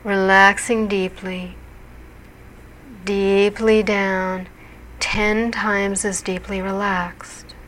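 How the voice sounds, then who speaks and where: A woman leads a guided hypnosis session as a hypnotherapist would. Her delivery is very slow and deliberate, with a soothing, measured manner. Her voice sits at an average pitch for a woman. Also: flat delivery, a bit bright, a little hiss or hum, low-quality recording. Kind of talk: guided hypnosis relaxation narration.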